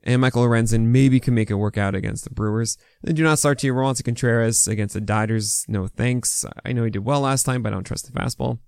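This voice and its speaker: A man's voice: medium pitch, fairly quick, creaky, hardly any pauses, a little mellow, smooth, dry recording, clean studio sound. An American man hosting a fantasy baseball podcast, talking with a swollen mouth in casual, opinionated, unscripted commentary full of asides.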